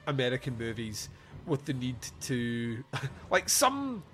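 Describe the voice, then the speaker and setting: A man's voice: mid-range voice, very animated, slow pace, a bit bright, a little hiss or hum. A man hosting a film podcast, chatting casually in a rambling, enthusiastic, sweary way. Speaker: podcast host.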